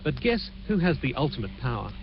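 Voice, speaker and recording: A man reporting an entertainment news story on TV, heard through a low quality stream of the broadcast. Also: big pitch swings, muffled recording, music in the background. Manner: measured, clear scripted delivery. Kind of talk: TV news report narration with chat to the anchor.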